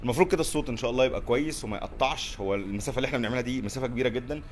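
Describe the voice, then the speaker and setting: A man's voice: mid-range voice, rapid-fire, slight background noise. A man with an Egyptian accent doing a casual, chatty gear review, repeating himself and talking to the people filming him. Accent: Egyptian Arabic. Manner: chatty, repeats himself, talks to the camera crew. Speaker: tech vlogger.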